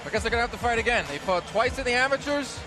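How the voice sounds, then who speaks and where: A man's voice: extremely high pitch, lively intonation, racing, over music. A man hosting a live boxing broadcast, giving play-by-play and recaps as a commentator. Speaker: play-by-play host.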